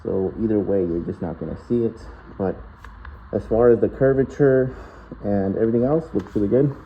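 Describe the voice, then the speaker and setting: A man's voice: fairly low pitch, normal speed, a little hiss or hum. A man in a casual how-to chat, his voice muffled by a mask over his mouth, recorded in a garage. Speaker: DIY car builder presenting. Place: metal-walled garage workshop.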